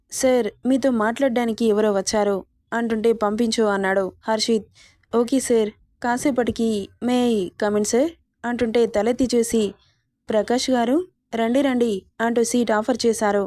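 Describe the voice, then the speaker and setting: A woman narrating a romantic story, reading every character's lines herself in the same steady voice. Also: a little high, no echo, clean studio sound. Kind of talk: narrated romance audiobook, voicing all characters.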